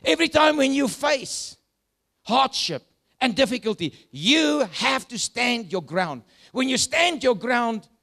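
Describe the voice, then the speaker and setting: A South African man preaching a sermon, moving between loud shouts and hushed, dropping asides. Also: very high-pitched, creaky. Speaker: pastor.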